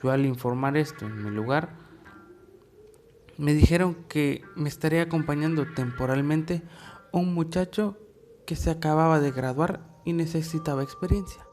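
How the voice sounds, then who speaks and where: A man narrating a first-person horror story in a measured, deliberate way with dramatic pauses. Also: a little high, a little mellow, faint music behind.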